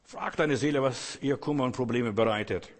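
A man's voice: medium pitch, moderate pace, in a large hall. A man preaching a sermon in German, fervently exhorting his listeners and speaking to them directly.

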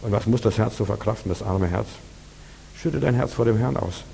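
A man's voice: lowish voice, a little fast, vocal fry, dark tone, in a large hall, a little hiss or hum. A man preaching a sermon in an earnest, repetitive way, speaking straight to his listeners.

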